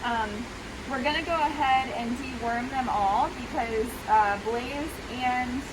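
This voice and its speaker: A woman explaining animal treatment casually and informally, her voice slightly muffled by a face mask. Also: on the high side. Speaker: veterinary professional treating goats. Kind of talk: casual explanatory talk to camera. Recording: noisy, steady rushing background hiss.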